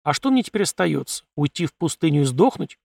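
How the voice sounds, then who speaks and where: A man's voice: on the high side, very animated, fairly quick, gravelly, darkish tone, no room sound, exaggerated voice. A man voicing a suspicious, whiny little male desert scavenger who grumbles and pleads. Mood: grumbling.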